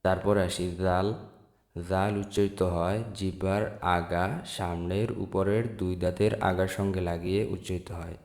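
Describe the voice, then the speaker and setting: A man from Bangladesh teaching the Arabic letters in a slow lesson, saying each sound and repeating it for viewers. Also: deep voice, level tone, darkish tone. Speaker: Quran teacher. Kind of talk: slow step-by-step alphabet lesson.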